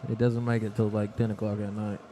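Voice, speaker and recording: A man's voice: lowish voice, level tone, fairly quick, dark tone. A man commentating a pool match on a live stream in an easygoing, chatty way. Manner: easygoing, laughs often.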